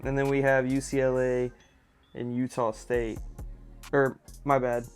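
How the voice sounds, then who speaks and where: A man's voice: medium pitch, little pitch movement, measured pace, smooth, soft background music. Laid-back man chatting casually. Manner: laid-back, drawling, repeats himself, filler words. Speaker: fragrance vlogger. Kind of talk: casual bracket picks chat.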